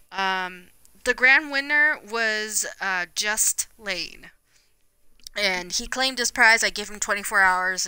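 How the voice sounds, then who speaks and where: A woman's voice: mid-range voice, pushed and bright, clear, resonant tone, dry recording, low-quality recording. A laid-back young woman streaming games live, chatting casually and rambling with lots of fillers. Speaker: gaming streamer.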